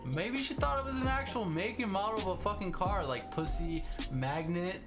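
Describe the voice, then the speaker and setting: A man's voice: high voice, expressive, moderate pace. A young man co-hosting a podcast, dropping dry remarks in casual chat. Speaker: podcast co-host. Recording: music playing behind.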